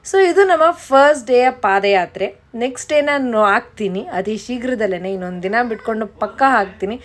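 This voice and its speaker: A woman's voice: on the high side, brisk. A woman vlogging on a walking pilgrimage, chatty and teasing, mixing English into her talk. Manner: chatty, teasing, switches between Kannada and English. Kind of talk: casual travel vlog with narration. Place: outdoors at a crowded pilgrimage camp. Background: crowd chatter.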